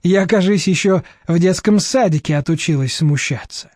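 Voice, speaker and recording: A man's voice: high voice, normal speed, a little mellow, dry recording, studio quality, natural voice. A man voicing a brash, chatty woman who plays innocent and whines, in a storybook reading. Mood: wheedling. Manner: whiny, feigned innocence. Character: brash chatty woman flat owner, gap-toothed.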